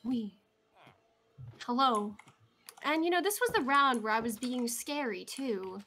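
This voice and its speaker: A woman chats casually on a gaming stream, rambling and poking fun at herself. Her voice sits high and bright, and she talks over a headset or desk mic. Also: animated, a little slow, slight background noise. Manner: chatty, rambling, self-deprecating.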